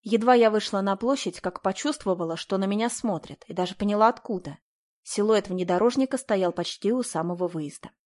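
A woman's voice: medium pitch, fairly quick, a little mellow. A woman reading a first-person audiobook aloud, telling the story in a tense, earnest way. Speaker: audiobook narrator.

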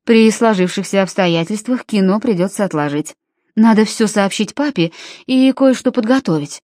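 A woman reading an audiobook, voicing a composed mother of twins who speaks in a measured, quietly strained way. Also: medium pitch, animated, no echo, studio quality, close to an everyday voice. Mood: firm. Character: tense, composed mother of twins, forcing calm.

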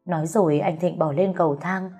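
Woman narrator, low mellow voice, steady storytelling, faint music behind. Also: fairly quick, breathy edge. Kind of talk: audio story reading.

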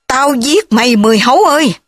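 A woman's voice: medium pitch, brisk, dry recording, clean studio sound, lightly acted. Woman voicing a raving, panicked young man. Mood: raving, frightened. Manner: shouting, panicked.

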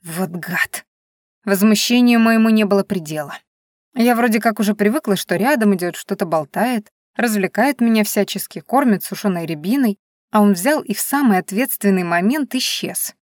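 A woman's voice: mid-range voice, normal speed, no echo. Woman narrating a story, dry sound. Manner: lively, ironic storytelling. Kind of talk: first-person audiobook narration.

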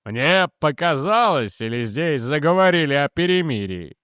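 A loud, drunken army colonel bellows and sneers in a high, swinging voice, slow and heavy with drink, as an audiobook narrator puts him on. The reading is close and dry. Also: male voice, sing-song, clear, resonant tone, no echo. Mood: drunken jeering. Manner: loud, jeering shouting. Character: drunk, brash middle-aged male colonel.

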